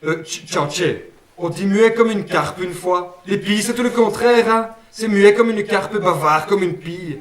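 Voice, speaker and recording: In a high voice and at a measured pace, a man performs a friendly male guardian angel with a Brussels accent, warm and homely, who likes to say "une fois" and "hein". The mood is kindly, and the distant mic gives a roomy sound.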